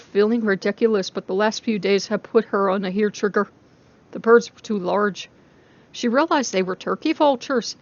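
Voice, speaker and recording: A woman's voice: mid-range voice, dull audio. A woman narrator giving a dramatic reading of a story.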